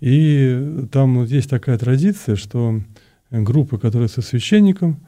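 A man's voice: medium pitch, measured pace, warm tone. A man, a priest being interviewed, explains things conversationally, often repeating words and searching for his phrasing. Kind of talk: conversational explanation, answering questions.

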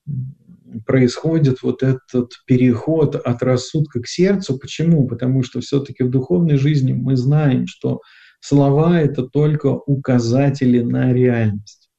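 A man giving a reflective spiritual talk on prayer, speaking softly and unhurriedly with many pauses and fillers. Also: medium pitch, creaky. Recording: dull lo-fi recording.

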